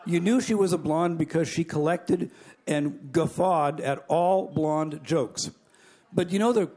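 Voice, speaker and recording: A man's voice: on the high side, a little mellow. A middle-aged man speaking at a convention banquet, telling jokes in a folksy way and chuckling between them. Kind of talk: after-dinner jokes and speech. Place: banquet hall.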